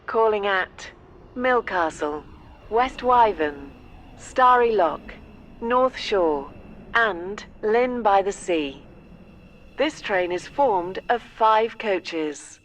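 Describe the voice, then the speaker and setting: A woman giving an automated train station announcement in a slow, even, measured delivery. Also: medium pitch, a little hiss or hum.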